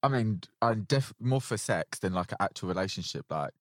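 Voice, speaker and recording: A man's voice: fairly low pitch, lively intonation, a little fast, no room sound, studio quality. A man hosting a casual podcast chat, candid and teasing in the way he talks. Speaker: podcast host.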